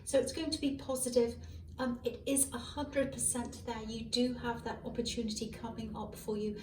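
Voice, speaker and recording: A hoarse, higher-pitched adult woman reads tarot for the camera in a loose, rambling way, full of ums and self-corrections, at a moderate pace with little pitch movement. She sounds roomy and distant from a faulty microphone, with a little hiss or hum and faint cars going by.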